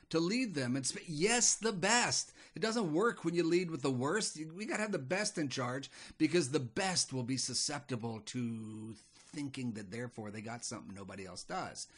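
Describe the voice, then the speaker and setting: A man voicing Baal, a calm scheming male demon who speaks firmly and deliberately. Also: on the high side, breathy edge. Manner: firm, measured, deliberate.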